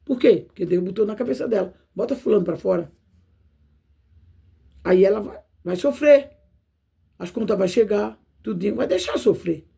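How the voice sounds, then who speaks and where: A Brazilian woman preaching in a casual, homespun way, her voice gravelly with vocal fry and a husky edge. She talks straight to the listener and keeps tossing in little tag questions to make sure they follow. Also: mid-range voice, animated, moderate pace, warm tone. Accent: Brazilian Portuguese. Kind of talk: informal video sermon.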